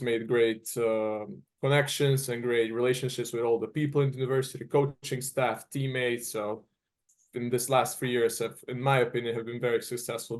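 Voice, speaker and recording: A young man in his twenties from Serbia, a native Serbian speaker, answering interview questions earnestly and often restarting as he searches for words. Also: mid-range voice. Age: 20s. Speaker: guest college tennis player.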